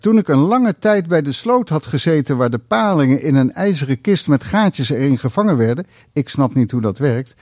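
Lively expressive man reading a story. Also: no echo, studio quality. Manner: expressive reader, loud booming voice for the uncle. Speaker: guest reader on a radio show. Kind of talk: reading a literary story aloud, then chatting.

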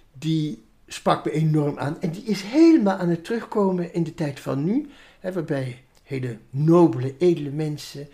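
Woman illustrator, reflective interview talk, lowish voice. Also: darkish tone. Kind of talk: interview conversation.

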